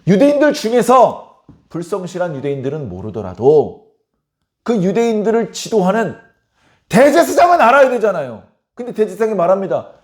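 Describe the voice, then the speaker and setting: An animated pastor, a middle-aged man, preaching a dawn sermon. His voice rises and falls widely and sits a bit high for a man. He presses each point hard with rhetorical questions.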